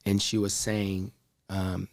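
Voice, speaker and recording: A man's voice: low-pitched, completely flat delivery, takes it slowly, dry recording. A man hosting a casual podcast interview, asking loose, hesitant questions full of fillers. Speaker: podcast host.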